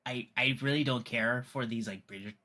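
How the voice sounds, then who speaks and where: A man's voice: medium pitch, moderate pace, sharp tone. A man co-hosting a casual film discussion, rambling with lots of fillers and restarts, laughing often. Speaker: podcast co-host.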